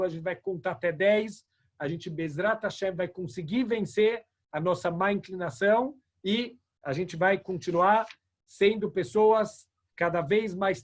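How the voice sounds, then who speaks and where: A man teaching a religious ethics lesson over a video call, an animated storyteller who acts out the dialogue. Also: high voice. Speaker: rabbi teaching a class.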